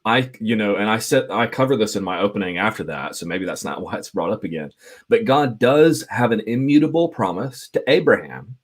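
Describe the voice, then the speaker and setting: Low-voiced man, animated co-host. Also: brisk, slightly rough. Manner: animated, laughs often. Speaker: podcast co-host. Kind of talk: casual discussion.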